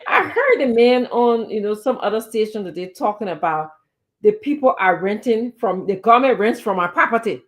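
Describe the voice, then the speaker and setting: Fired-up woman with a higher voice. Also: lively intonation, normal speed, dull audio. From Liberia. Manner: emphatic and indignant, with repeated words and rhetorical questions. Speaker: political talk show panelist. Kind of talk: impassioned political commentary.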